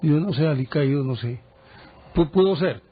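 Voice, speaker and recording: A man presenting a TV program, telling a history story casually with lively asides. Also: on the high side, moderate pace. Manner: animated storyteller, chatty asides. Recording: dull broadcast audio.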